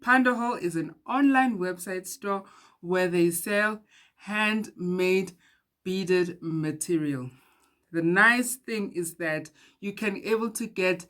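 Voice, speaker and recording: A woman's voice: medium pitch, fairly bright tone. A woman hosting a casual beadwork tutorial, chatty and laughing at herself now and then. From Eswatini. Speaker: beading tutorial host.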